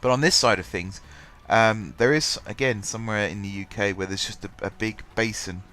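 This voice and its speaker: Congested and stuffy, a gaming host talks his way through his game in a rambling, casual style with many ums and restarts. His lowish voice moves at normal speed, bright and forceful, over faint music.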